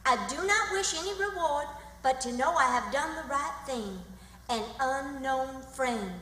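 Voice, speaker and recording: A dramatic, excitable country aunt from a radio drama , acted by a woman. She has a high, bright Southern voice and a breathless, bossy way of talking. The hall is very echoey, with faint noise. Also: unhurried, exaggerated voice. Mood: dramatic reading. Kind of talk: radio theatre acting.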